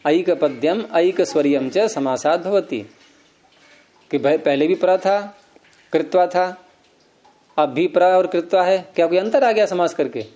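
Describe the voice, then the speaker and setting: A man with a high-pitched, mellow voice teaches Sanskrit grammar at a moderate pace in a classroom lecture. He explains things step by step and quizzes his students with questions.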